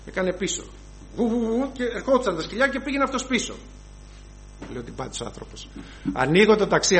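Man, preacher, high voice, animated storytelling sermon. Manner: storytelling, animated, acts out scenes.

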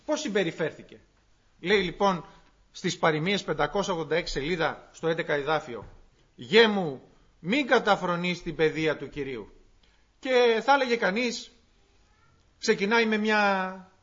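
A man preaching a sermon to his congregation, explaining scripture in an earnest, unhurried way with frequent pauses. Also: high-pitched, big pitch swings, a bit bright. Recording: dull lo-fi recording.

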